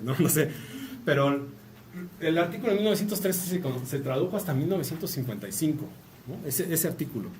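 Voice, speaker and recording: A Mexican man lectures at a rapid clip in a relaxed, chatty way, tagging his points with a quick "no?" and slipping in jokes. He sounds a little distant from the microphone, with a faint hum of room noise behind him. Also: mid-range voice. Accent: Mexican Spanish. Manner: chatty, tags phrases with a questioning "no?", joking asides. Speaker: university lecturer. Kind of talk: casual academic talk.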